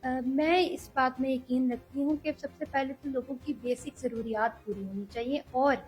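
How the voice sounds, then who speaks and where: A young woman speaking earnestly as an interview guest, measured and hesitant at times. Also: sits high, fairly even intonation, darkish tone, faint music behind, poor audio. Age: young adult. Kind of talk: political interview.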